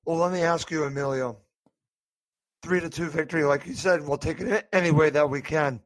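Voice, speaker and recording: A man with a hoarse voice hosting a post-match football discussion. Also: fairly high pitch, a little fast, low-quality recording. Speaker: podcast host.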